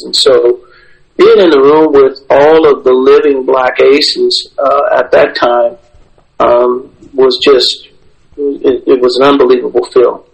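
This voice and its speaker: Man, 60s, reflective interviewee: halting delivery, fry in the voice, mid pitch. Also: poor audio. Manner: halting, hesitant, many pauses and repeats. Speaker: former professional baseball pitcher.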